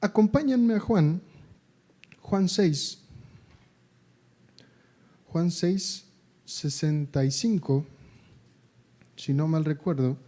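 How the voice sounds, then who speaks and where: A man delivers a sermon in a high voice with a dark, mellow tone. He presses his points by repeating phrases and slows right down to read scripture aloud. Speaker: preacher. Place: house of prayer.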